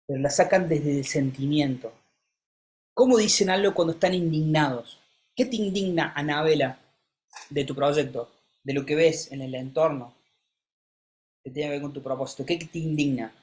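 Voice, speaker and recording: A speaking coach, teaching a live masterclass and calling on students by name, who keeps changing pitch and pace to show what is meant. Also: normal speed, long pauses, a little mellow. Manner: demonstrative, shifts pitch and pace to illustrate; coaxing, calls on students by name.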